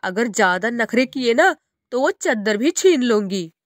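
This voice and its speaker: A woman's voice: on the high side, sing-song, measured pace, dry recording, clean studio sound. A woman playing a cruel stepmother bird. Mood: taunting. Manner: harsh, taunting and bossy. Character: cruel, scolding adult female stepmother bird.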